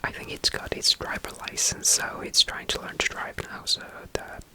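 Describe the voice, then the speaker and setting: Speaking at an ordinary speed, this ASMR roleplayer takes on a caretaker role, softly whispering comforting phrases over and over and reading a bedtime story.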